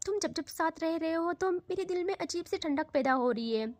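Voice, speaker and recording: A woman's voice: extremely high pitch, expressive, moderate pace, dry recording. A woman voicing a tender, grateful young woman speaking to her partner in an audio love story.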